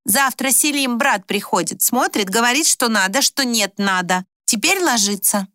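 A woman's voice: a little high, animated, moderate pace, bright, forceful tone, dry recording, clean studio sound, pitched above the performer's own voice. A woman voicing a motherly village woman who fusses over a patient in broken Russian. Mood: fussing. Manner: broken Russian, bossy and fussy. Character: caring Turkish village woman, fussy and motherly.

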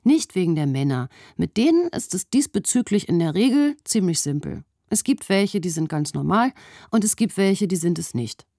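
A woman's voice: fairly low pitch, very animated, normal speed, warm tone, no room sound. A woman narrating a first-person radio column in a wry, opinionated way, recorded on a studio microphone.

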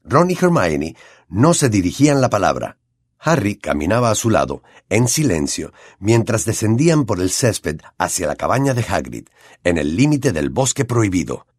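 A male audiobook narrator with a Latin American Spanish accent, telling the story expressively. His pitch is mid, with a lively, swinging melody. The recording is close and dry, with no room sound. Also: moderate pace, no echo.

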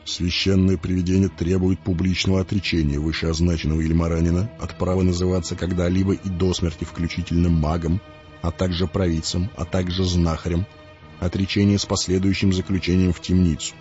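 A man putting on a deep-voiced grim hooded cult servant. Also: little pitch movement, a little fast, a little mellow, close to an everyday voice. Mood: grave. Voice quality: unexpectedly deep, low voice. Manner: solemn, formal, intoning. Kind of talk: audiobook reading. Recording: muffled audio with faint music.

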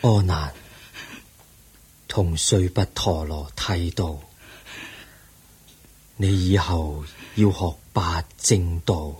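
An actor playing a serene, dying old Buddha in a radio drama, solemn and measured, with a weak, breathy voice. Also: male voice, low voice, a little mellow, long reverb tail. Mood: gentle, accepting. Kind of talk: Cantonese radio drama acting.

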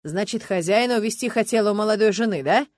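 A woman's voice: medium pitch, quick pace, darkish tone, no room sound, clean studio sound, close to an everyday voice. A woman voicing a drunk, pushy male police captain who keeps prying, in an audiobook reading. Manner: prying, slurring, swaggering.

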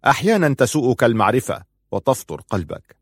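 A man's voice: mid-range voice, big pitch swings, fast, husky, no room sound, clean studio sound. A man voicing an aging ruler and grieving father who speaks in a stern, weary, bitter way.

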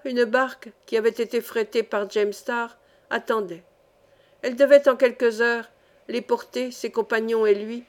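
A woman reading an adventure novel aloud in steady, expressive scripted narration. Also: a little high. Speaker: audiobook reader.

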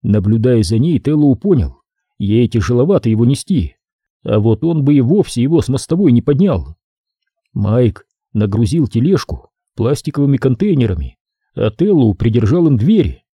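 A male audiobook narrator with a very dark, husky voice. He tells the story expressively, his pitch moving a lot. The recording is dry and close. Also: very animated, normal speed, dry recording.

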